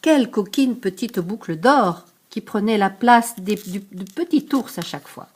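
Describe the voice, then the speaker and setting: An older woman reading a picture book aloud to a grandchild, lively, stopping to explain hard words. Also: mid-range voice, moderate pace, breathy edge.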